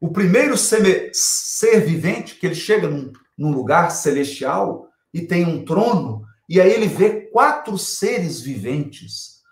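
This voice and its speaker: A man's voice: on the high side, sing-song, takes it slowly, roomy sound. A Brazilian man giving a spiritual lecture on scripture, emphatic, repeating key phrases and asking rhetorical questions.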